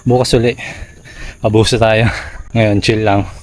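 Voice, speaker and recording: A man's voice: lowish voice, level tone, unhurried, a little hiss or hum. A Filipino man chatting casually to his vlog viewers while running outdoors. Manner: talking while running and walking, exerting. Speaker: running vlogger.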